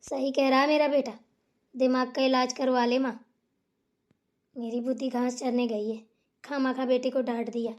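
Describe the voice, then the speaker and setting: Woman doing a shrill bossy old village mother. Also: level tone, normal speed, pauses often, dull audio, lightly acted. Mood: rueful. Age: older. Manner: shrill yelling and scolding, mutters to herself. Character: aging village mother, bossy and short-tempered. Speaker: cartoon character voice. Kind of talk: cartoon voice acting.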